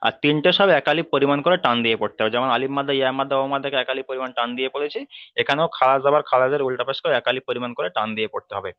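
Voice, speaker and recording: A man teaching an online class at a steady middle pitch. He explains with patience, repeats each rule, and drills letter sounds slowly. The audio is dry and a little dull, the lo-fi sound of an online call. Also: dry recording. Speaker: Quran reading teacher.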